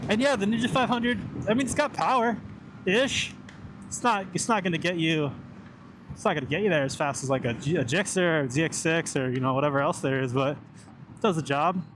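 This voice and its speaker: A man's voice: a little high, a little fast. A young man chatting casually and informally inside a helmet while riding a motorcycle, meandering from thought to thought and swearing mildly. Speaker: motorcycle vlogger. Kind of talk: casual rambling motovlog chat. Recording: steady engine and road noise.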